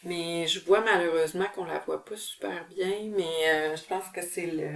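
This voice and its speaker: A woman's voice: fairly low pitch, steady tone, moderate pace, gravelly, a bit bright, far from the mic, slight background noise. A woman with a Québécois French accent hosting a casual cross-stitch vlog, chatty and full of fillers and restarts. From Quebec, Canada. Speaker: cross-stitch channel host. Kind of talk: casual show-and-tell vlog.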